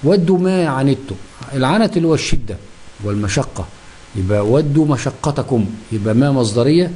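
A man's voice: mid-range voice, lively intonation, brisk, warm tone, breathy edge. A man with an Egyptian accent teaching a grammar lesson, asking questions and answering them himself. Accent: Egyptian Arabic.

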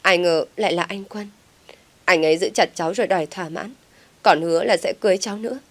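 A scheming young woman pleads through fake tears, playing the wronged victim, as a female narrator voices her. Her pitch sits on the low side. The delivery is a simple storybook reading. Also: fast talker. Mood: pleading, sobbing. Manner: tearful pleading.

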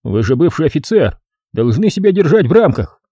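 Man doing a brisk young police sergeant. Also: on the high side, very animated, dark tone, breathy edge, dry recording, pitched above the performer's own voice, full character voice. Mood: firm. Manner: official, firm.

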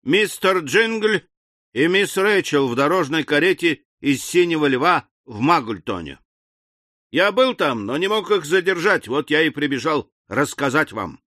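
A man's voice: a little high, animated, bright, forceful tone, no room sound. Nervous young servant blurting out news, a man doing the voice, dry close sound. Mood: anxious. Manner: hurried, timid. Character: timid breathless young male servant.

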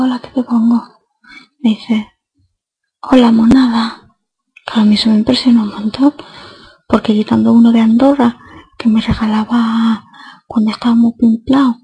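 A woman's voice: a little high, vocal fry, warm tone, breathy edge, rough recording. A woman with an accent from Spain, hosting a podcast and telling a rambling comic anecdote in crude, slangy, self-mocking words. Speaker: podcast host.

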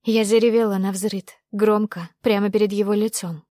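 Woman narrator for first-person fiction, mid-pitched, dry studio sound, expressive reading. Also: moderate pace, no room sound. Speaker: audiobook narrator.

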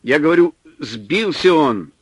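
A man reading an audiobook, voicing a panicky, whining male supply clerk who shouts in a shrill, complaining way. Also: animated, unhurried, husky, no room sound. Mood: irritated. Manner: shrill, complaining, near hysteria.

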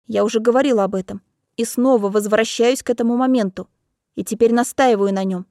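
Woman doing a stern middle-aged mother, cold, firm, low and soft, dry sound. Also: steady tone, brisk, dry recording, close to an everyday voice. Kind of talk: audiobook character reading.

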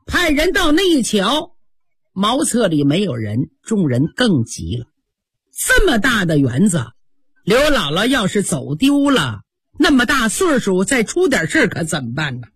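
A woman's voice: mid-range voice, huge pitch swings, unhurried, breathy edge, no room sound. A woman telling a traditional story vividly, with sound effects, in a broadcast. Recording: dry studio broadcast.

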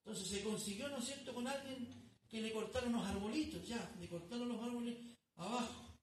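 A man's voice: very high voice, fairly quick, slight background noise. A man preaching a sermon as pastor, telling a story and calling his listeners "brother". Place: church. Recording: echoey room, distant mic.

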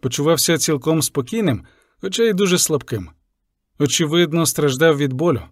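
A man narrating a sea story in the first person with an even, measured reading. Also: a little high, dry recording. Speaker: audiobook narrator.

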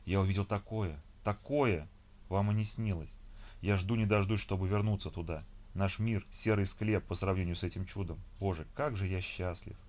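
A man voicing a calm, serene young man speaking softly and gently in an audiobook. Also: sits low, normal speed, natural voice. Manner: soft, gentle, quiet.

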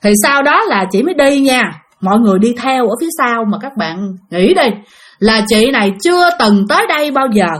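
This woman's fairly high, expressive voice moves along at a fairly quick clip. She has a Southern Vietnamese accent and spins a casual ghost story, talking chattily straight to her audience.

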